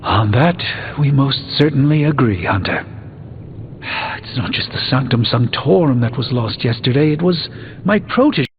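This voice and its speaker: An actor playing an erudite, proud, guilt-burdened middle-aged sorcerer doctor in a video game, speaking formally in measured, articulate phrases. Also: male voice, mid-range voice, expressive, dull audio, a little hiss or hum, close to an everyday voice. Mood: resolute. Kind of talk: video game dialogue acting. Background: background music.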